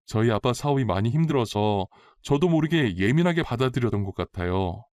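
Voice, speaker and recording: Pushy young woman, daughter-in-law, raised pitch, a man putting her on, dry close sound. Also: animated, fairly quick, a little mellow, dry recording, natural voice. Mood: pleading. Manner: insistent, whiny and defiant. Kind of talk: storytelling drama reading.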